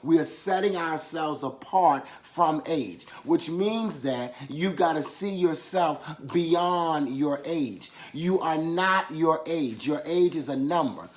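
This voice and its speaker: A man with a fairly high voice preaches a sermon at a slow pace, barely pausing. He repeats key phrases for emphasis and calls on his listeners to affirm after him in a call-and-response style.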